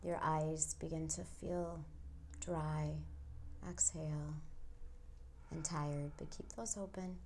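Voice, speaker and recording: A woman guiding a hypnosis induction as a hypnotist, speaking in a soft, soothing near-whisper with long pauses. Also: low-pitched, fairly even intonation, slight background noise. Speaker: hypnotist guiding a relaxation session.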